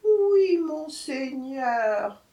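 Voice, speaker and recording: A woman voicing a sly male jackal who plays dumb in a storybook tale, whining in a high, drawn-out, fretful voice. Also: very animated, mellow, muffled recording, heavily acted. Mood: whiny feigned confusion. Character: sly male jackal feigning silly confusion. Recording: echoey room, voice from far off.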